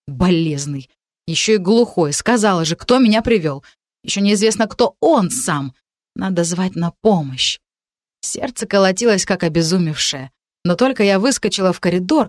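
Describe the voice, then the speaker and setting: A woman's voice: mid-range voice, no echo, studio quality. Woman narrating a first-person audiobook.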